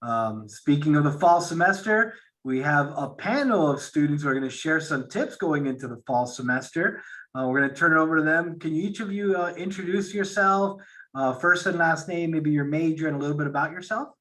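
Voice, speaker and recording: A man's voice: a little high, brisk, fairly bright tone, poor audio. A man hosting a student workshop, giving enthusiastic introductions with frequent fillers over a video call. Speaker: host, director of student success.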